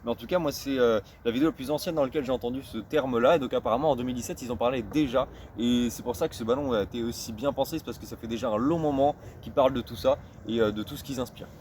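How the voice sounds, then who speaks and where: The street football vlogger's voice has an ordinary middle pitch and a somewhat dark tone, with a light hum audible behind it. He explains a topic in an easygoing way but keeps halting, repeating words while searching for phrasing, and he handles English expressions slowly and self-consciously.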